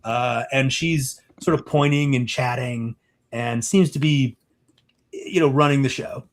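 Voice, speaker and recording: A man's voice: medium pitch, measured pace. A man narrating as game master in a casual, rambling way with many fillers.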